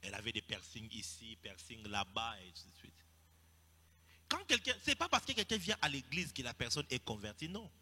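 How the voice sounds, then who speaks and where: Man, sermon, piercingly bright tone, long hall echo, hushed then loud emphatic preaching. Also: mid-range voice, wildly swooping pitch, brisk, hardly any pauses, slightly rough. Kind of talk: sermon teaching.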